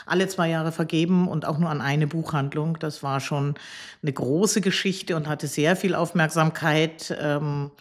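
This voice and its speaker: Sixty-year-old woman, low voice. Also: steady tone, unhurried. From Hamburg, Germany. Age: 60s. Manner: warm, enthusiastic, hesitant with fillers. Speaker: bookshop owner, guest. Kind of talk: podcast interview.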